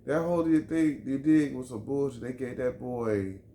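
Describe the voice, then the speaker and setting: Man, mid-pitched, fired-up vlog rant, swears and repeats points, echoey room with light background hum. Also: normal speed, warm tone. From Chicago. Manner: heated, emphatic, profane, repeats himself. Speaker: vlogger. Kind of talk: opinion rant to camera. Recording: roomy echo, faint background ambience.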